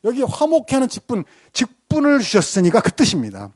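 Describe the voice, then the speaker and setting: Middle-aged male preacher; animated sermon storyteller, quizzes his flock, dry close mic. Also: very high voice, a little fast, dry recording. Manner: lively storytelling with rhetorical questions to the congregation. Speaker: pastor. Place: church sanctuary.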